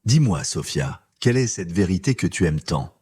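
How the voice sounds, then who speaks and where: A man co-hosting a learners' podcast, speaking clearly and encouragingly like a teacher. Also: low-pitched, big pitch swings, moderate pace, a little mellow, no room sound. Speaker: podcast co-host. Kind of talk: scripted podcast dialogue for learners.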